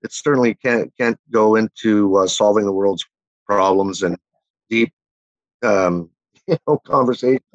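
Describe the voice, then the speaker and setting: A man's voice: lowish voice, a little slow, dry recording, muffled recording. A Canadian man in his fifties, a guest telling long rambling stories with lots of fillers and restarts. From Winnipeg, Manitoba, Canada. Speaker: interview guest. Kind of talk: casual chat, reminiscing.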